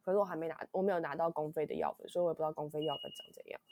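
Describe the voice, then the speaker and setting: Speaking very fast in a low, dark voice, a young podcast host with a Taiwanese Mandarin accent rambles through a casual story, restarting often and acting out quotes. She sounds weak from illness, and there's slight background noise.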